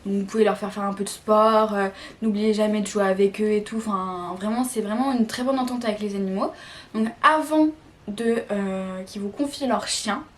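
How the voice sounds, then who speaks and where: A woman's voice: medium pitch, normal speed. A seventeen-year-old girl with a French accent talking casually to camera, chatty and giggly, full of fillers and restarts. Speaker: vlogger.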